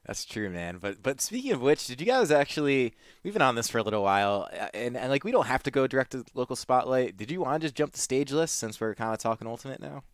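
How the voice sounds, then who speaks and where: Smooth-voiced man saying "dude" a lot. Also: medium pitch, expressive, fast talker, hardly any pauses, dry recording, clean studio sound. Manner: enthusiastic, says "dude" a lot. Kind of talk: casual gaming podcast chat.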